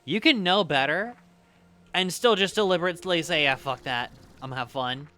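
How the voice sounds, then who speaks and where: A woman streamer with a slight Southern US accent games live and chats with her viewers, rambling, swearing freely and laughing easily. Her voice is fairly low, fairly quick and a bit bright, with faint music behind her.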